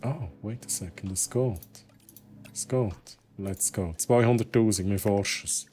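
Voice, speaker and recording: A man's voice: on the low side, a little slow, mellow, soft background music. A man with a Swiss German accent streaming a video game, thinking aloud as he plays and dropping English exclamations. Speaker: gaming streamer. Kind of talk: casual let's-play commentary.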